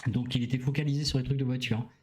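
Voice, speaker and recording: A middle-aged man talks through ideas in a relaxed, unscripted way, as a doctor chatting with his audience. He hesitates often and keeps asking his listeners whether they follow. His voice sits in an ordinary middle pitch. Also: fast talker. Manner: hesitant, many "euh" fillers, often checks in with listeners. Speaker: doctor streaming to viewers. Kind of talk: casual explanatory talk to a live audience.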